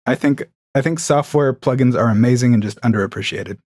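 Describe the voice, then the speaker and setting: Speaking fairly quickly in a medium-pitched, slightly mellow voice, this podcast guest keeps things casual, chatty and enthusiastic, dropping in lots of fillers. The audio from his acoustically paneled home room is clean, studio quality, with no echo.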